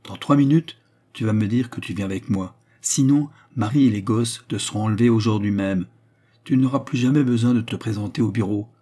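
A man's voice: fairly low pitch, a little fast, close to an everyday voice. A man voicing a domineering older man who berates and threatens his brother, in a storybook reading. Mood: menacing. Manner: threatening, forceful.

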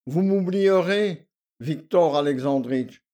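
A man voicing a timid, heartbroken young peasant girl who speaks softly and haltingly. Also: sits high. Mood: sad, pleading. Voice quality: soft, faltering.

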